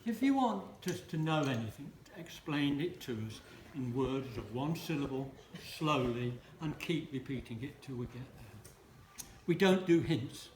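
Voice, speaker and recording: A man's voice: medium pitch, animated, a little slow, few pauses, a little mellow. A man in his seventies giving a wedding speech, with dry, self-mocking humour and teasing asides to the couple. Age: 70s. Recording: roomy hall with faint noise.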